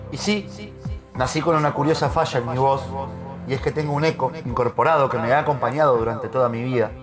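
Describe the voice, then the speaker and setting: An actor playing an earnest, plaintive man with a Rioplatense Argentine accent, his voice trailed by a delayed echo, in mock documentary testimony. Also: mid-range voice.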